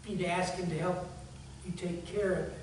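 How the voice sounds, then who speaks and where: A man preaching a sermon as pastor, telling a story in a conversational way and closing in soft prayer. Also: sits high, steady tone, brisk. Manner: conversational storytelling, earnest appeal, fading to hushed prayer. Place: church sanctuary. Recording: echoey church hall, far from mic, faint hum.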